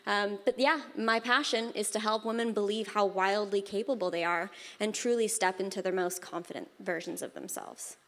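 A woman's voice: medium pitch, steady tone, normal speed, few pauses, a bit bright. A woman coach giving an upbeat motivational talk to a live audience in a room. She is emphatic and repeats her key phrases. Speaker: women's coach and guest speaker.

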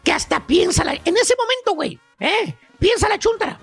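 Shrill gravelly Mexican joke professor. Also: male voice, big pitch swings, normal speed, a bit bright, soft background music, heavily acted. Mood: storytelling. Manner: rambling, slangy, keeps saying "güey" and "fíjate nada más". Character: squeaky-voiced male joke professor lecturing on rustic types. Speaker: comedy segment presenter. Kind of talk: comic radio lecture.

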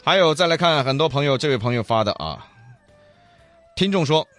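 A man's voice: fairly high pitch, lively intonation, a little fast, fairly bright tone, no room sound, soft background music. A male talk show co-host with a Sichuanese accent, joking colloquially and reading out listener stories in a casual way.

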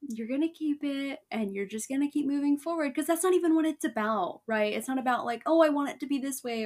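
A young woman hosting a faith podcast, talking casually with lots of fillers, restarts and laughs. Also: high voice. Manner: chatty, frequent fillers and restarts, laughs often. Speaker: podcast host.

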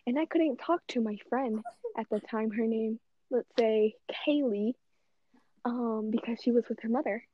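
A woman's voice: fairly high pitch, moderate pace, no echo, narrow, tinny audio. A teenage girl telling a school romance story in casual chat, chatty and dramatic. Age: teens.

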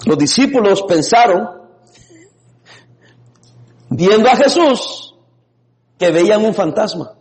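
A man preaching a lively sermon as a pastor, laughing now and then and breaking into sudden shouts. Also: high voice, slow pace, long pauses. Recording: long reverb in a hall.

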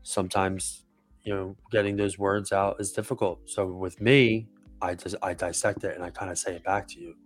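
A man's voice: deep voice, level tone, normal speed, soft background music. A man co-hosting a podcast, talking in an earnest, emotional way and swearing casually. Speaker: podcast co-host. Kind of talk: casual heartfelt podcast talk. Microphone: podcast microphone.

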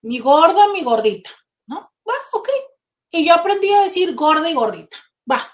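In a casual advice talk, a woman acting as host and therapist speaks emphatically at a normal pace, her voice sitting high. She's animated and keeps slipping into quoted voices to act out little exchanges.

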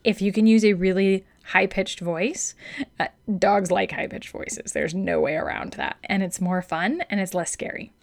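A woman's voice: mid-range voice, expressive, moderate pace. A woman dog trainer explains things in a casual, instructional way. She is chatty and upbeat, and she stresses her main points firmly. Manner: chatty, upbeat, emphatic advice-giving.

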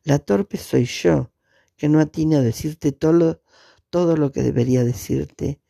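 A man reading the part of a grieving young woman pleading softly into a phone, close to tears. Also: a little high, a little slow, vocal fry, no room sound. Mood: tender. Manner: soft, pleading, near tears.

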